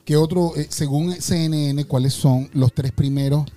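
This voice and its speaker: A man's voice: a little high, fairly even intonation, normal speed, warm tone. A man co-hosting a podcast, trading crude jokes with plenty of teasing and laughter. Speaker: podcast co-host. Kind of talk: playful casual banter.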